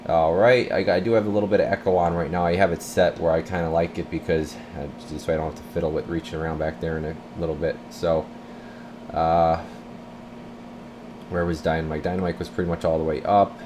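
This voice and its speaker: At an indoor radio repair workbench, a male technician gives a casual, rambling hands-on demonstration, explaining things informally as he works. His voice is low and level, a little fast, against a noisy background.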